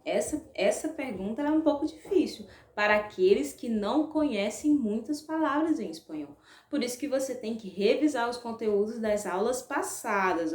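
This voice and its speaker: A woman with a Brazilian accent teaching a Spanish lesson to schoolchildren, spelling out words slowly by syllable and checking in with a frequent "ok?". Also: mid-range voice, a little mellow. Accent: Brazilian Portuguese. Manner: slow, drawn-out, spelling out syllables. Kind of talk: online class lesson. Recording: echoey room.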